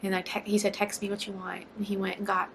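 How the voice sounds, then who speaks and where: Young woman, vlogger, gravelly, emotional storytelling, faint background hiss. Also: mid-range voice, completely flat delivery, fast talker, fairly bright tone, poor audio. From Georgia, USA. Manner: chatty, many fillers, near tears.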